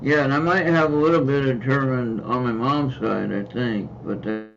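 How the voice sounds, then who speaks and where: An American man hosts a casual livestream card reading, rambling with hesitant fillers and repeats. His mid-range, gravelly voice has fairly even intonation and a normal speed. The lo-fi stream audio sounds slightly dull, with slight background noise.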